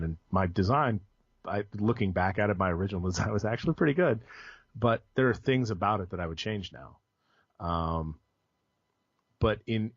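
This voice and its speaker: A man's voice: sits low, dry recording. A young man, a guest on a podcast, talking casually about his IT work, rambling with lots of ums and restarts. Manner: rambling, frequent ums and self-corrections. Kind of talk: casual conversational interview. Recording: dull lo-fi dry podcast audio.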